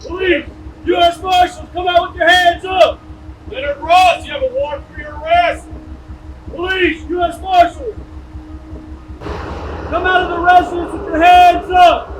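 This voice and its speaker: A man, a law enforcement officer, shouting a surrender callout through a megaphone outdoors near a residence. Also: very high-pitched, fairly even intonation, measured pace, long pauses, noisy background. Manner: shouted commands. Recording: distant echoey outdoor megaphone sound.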